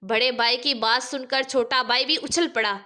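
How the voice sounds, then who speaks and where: A woman's voice: on the high side, steady tone, bright, forceful tone. A woman narrating a religious story in an emotive, dramatic way.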